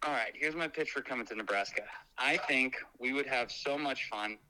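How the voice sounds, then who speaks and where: A man's voice: mid-range voice, fairly quick, sharp tone, a little hiss or hum, rough recording. A man chatting casually as a guest comedian, heard through a phone on speakerphone, laid-back and joking. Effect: heard over a phone on speakerphone.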